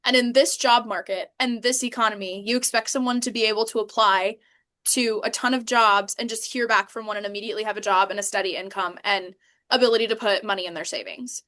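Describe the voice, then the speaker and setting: A woman's voice: mid-range voice, steady tone, quick pace, pushed and bright. A young woman co-hosting a podcast, ranting indignantly in casual chat and laughing between points. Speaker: podcast co-host.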